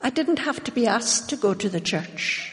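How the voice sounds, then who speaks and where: Female testimony speaker, measured and solemn, short phrases, echoing church hall. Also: fairly high pitch, animated, fairly bright tone. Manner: measured, solemn, pausing for translation. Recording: long reverb of a large hall.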